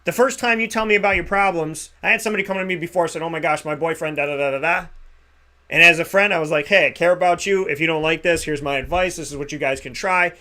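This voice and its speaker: A man's voice: fairly high pitch, fast talker, sharp tone. A man in his thirties hosting a talk show, giving an emphatic pep talk with repeated phrases. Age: 30s. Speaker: radio show host. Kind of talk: motivational monologue.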